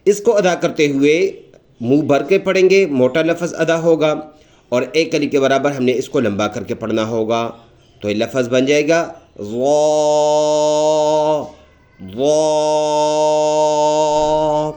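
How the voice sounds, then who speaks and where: A man's voice: a little high, a little mellow. A man teaching beginners how to pronounce Arabic letters, explaining patiently and drawing out each letter sound as he demonstrates it, with a Pakistani Urdu accent. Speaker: Quran teacher.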